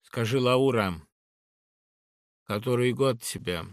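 A man's voice: medium pitch, slow pace, dry recording, clean studio sound, lightly acted. A man playing a jealous, hot-tempered young nobleman in a dramatic reading of a verse play, brooding and challenging.

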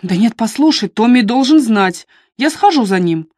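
A woman voicing a calm upper-class female friend in an audiobook, speaking in a soothing, measured way. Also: a little high, dry recording, studio quality. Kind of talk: audiobook character reading.

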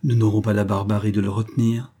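A man's voice: fairly low pitch, flat delivery, fast, dark tone, breathy edge. A man reading aloud voices a proud young society wife, cutting in tone and raising his voice for her. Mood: composed.

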